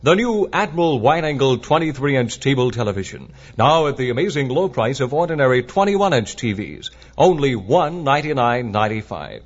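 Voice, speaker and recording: A man's voice: medium pitch, very animated, brisk, hardly any pauses. An American man working as a radio DJ in an upbeat, salesmanlike 1950s ad style, on a dull vintage AM broadcast. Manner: upbeat, salesmanlike announcer delivery. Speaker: radio DJ reading ads and announcements. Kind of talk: chipper 1950s radio ad and DJ patter.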